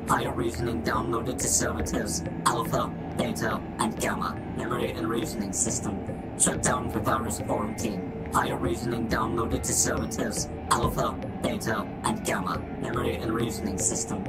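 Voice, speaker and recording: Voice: medium pitch, fairly even intonation, moderate pace, over loud music, rough recording. A voice actor playing a broken, fragmented robot in a video game, speaking through a glitching robotic filter in clipped phrases that loop and repeat. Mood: mechanical. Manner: clipped one-word phrases, loops and repeats itself. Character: broken fragmented robot, cryptic and half mad.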